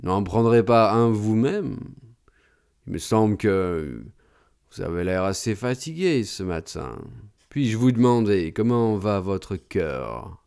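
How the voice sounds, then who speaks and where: A man voicing a suave lodger who speaks in a deliberately soft, smooth and ironic way, as part of an audiobook reading. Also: sits low, huge pitch swings, full character voice. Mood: smooth mocking. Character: suave, mocking middle-aged male lodger.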